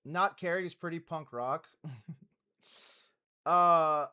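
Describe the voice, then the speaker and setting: Casual rambling male streamer, fairly high voice. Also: slow, sharp tone, clear, resonant tone, lo-fi sound. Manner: loose, rambling, swears, laughs often. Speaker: streamer commenting on music news. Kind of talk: casual reaction commentary.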